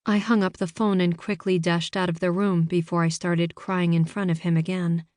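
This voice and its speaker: Woman reading an audiobook in first person, measured and steady, studio mic. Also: fairly low pitch, dry recording. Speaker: audiobook narrator. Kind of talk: first-person scripted narration.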